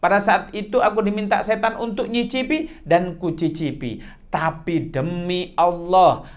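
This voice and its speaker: A man's voice: high-pitched, unhurried. A man voicing a humble young man who has just repented, speaking earnestly and pleadingly.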